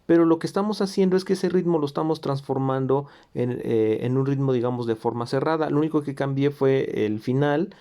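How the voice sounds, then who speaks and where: A man's voice: medium pitch, steady tone, brisk, few pauses, mellow. A man teaching a recorded music theory lesson, explaining patiently with fillers and self-corrections. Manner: sings rhythms in syllables.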